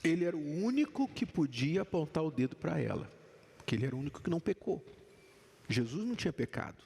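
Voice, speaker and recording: A man's voice: on the high side, very animated, fast talker, creaky, a little mellow, breathy edge. A man giving a church-style talk about relationships, explaining with a live demonstration. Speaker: speaker at a couples' talk. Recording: long hall reverb.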